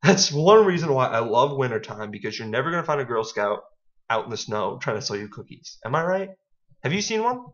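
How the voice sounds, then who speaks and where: A man's voice: mid-range voice, fairly quick. Young male podcast co-host, jokey rambling chat, dull lo-fi sound. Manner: joking, rambling, animated. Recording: dull lo-fi home recording.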